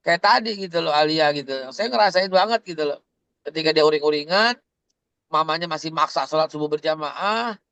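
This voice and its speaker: Animated slangy man telling stories. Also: a little high, fairly quick, clear, resonant tone, no room sound. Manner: animated storytelling, slangy, acts out quotes. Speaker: co-host of religious talk. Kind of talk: casual religious discussion.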